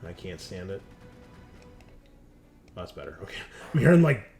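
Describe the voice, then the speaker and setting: A man with a deep, gravelly, sing-song voice runs a tabletop game as game master at a moderate pace. He's informal and sweary, thinking aloud as he referees, his voice over constant music.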